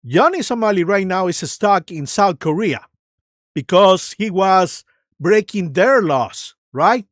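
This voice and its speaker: A livestream host talks slowly and haltingly, improvising commentary on videos. The delivery is mocking and sarcastic, ready to argue. The sound is dry, with hardly any room on the voice. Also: medium pitch, expressive, dry recording. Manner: halting, loosely improvised, searching for words.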